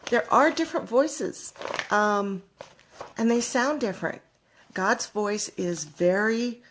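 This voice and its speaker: A middle-aged woman talking casually to viewers as a psychic medium, chatty, with frequent ums and laughs. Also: lowish voice.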